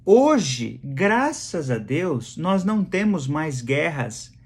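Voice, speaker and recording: A man's voice: on the high side, sing-song, slow pace, darkish tone, breathy edge. A man with a Brazilian Portuguese accent preaching a sermon in a conversational way, repeating phrases for emphasis. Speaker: pastor.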